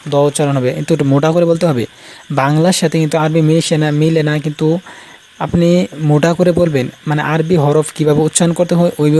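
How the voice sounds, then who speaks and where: A man teaching Arabic letter pronunciation in an informal lesson, speaking slowly and repeating each sound many times. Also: a little high, mellow, slight background noise, poor audio. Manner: slow and repetitive, drilling sounds. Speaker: Quran recitation teacher.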